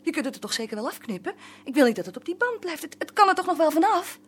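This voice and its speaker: An actress playing an insistent wife in a film drama, nagging and demanding. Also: female voice, sits high, big pitch swings, quick pace.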